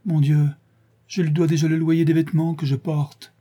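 A man's voice: a little high, very animated, fairly quick, darkish tone, husky, voice pushed up, heavily acted. A man voicing a frightened, poor young woman who sings in the streets, speaking timidly and pleading in an audiobook reading. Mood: fearful.

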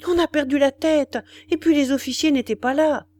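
A woman's voice: sits high, fairly even intonation, normal speed, mellow, voice pushed up, close to an everyday voice. Brief: woman narrator playing a flustered rebel underling reporting urgently to his chief, audiobook. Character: anxious male peasant rebel officer. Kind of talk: audiobook character voice.

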